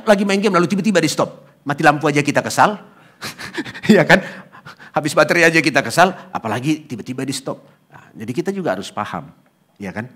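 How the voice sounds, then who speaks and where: A male pastor preaching at an Easter service, telling animated family stories and often asking the congregation to agree. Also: a little high. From eastern Indonesia. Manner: animated storytelling with acted quotes; asks congregation "ya kan?". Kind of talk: sermon.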